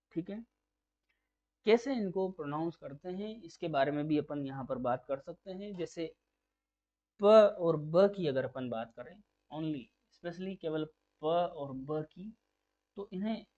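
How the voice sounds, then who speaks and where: A man's voice: on the high side, a little mellow. A man teaching a phonetics lesson for exam preparation, explaining patiently and repeating key terms as questions to drill them. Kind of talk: exam-prep lecture. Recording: dull lo-fi recording.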